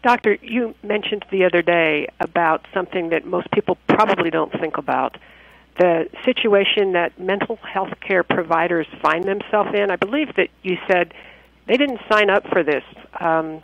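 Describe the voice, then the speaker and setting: A man's voice: sits high, normal speed, gravelly, no echo. A man co-hosting a radio interview, asking polite, earnest questions. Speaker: radio co-host. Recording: dull dry phone-line radio audio.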